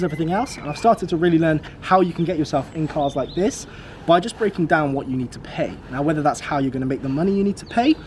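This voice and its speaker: Slight background noise surrounds a fairly high, somewhat mellow male voice. The speaker is a British vlogger in his twenties filming outdoors by a car, casually upbeat and motivational, repeating the important numbers.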